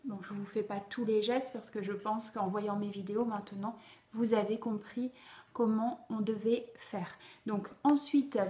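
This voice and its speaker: A woman's voice: mid-range voice, dark tone. A woman teaching reading, patiently explaining a method to parents in an instructional video. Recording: roomy echo.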